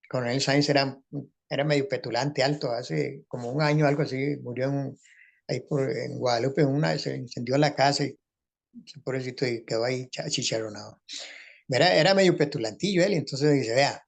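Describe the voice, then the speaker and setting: Gravelly older Costa Rican man reminiscing. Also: mid-range voice, a little fast. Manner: rambling, with many restarts and quoted dialogue. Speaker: guest, former radio actor. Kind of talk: anecdotal reminiscing.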